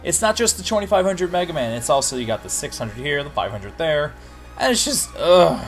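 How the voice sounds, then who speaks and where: A man co-hosting a casual gaming podcast, talking in an animated way and jumping into quick quotes. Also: on the high side, faint music behind. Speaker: podcast co-host.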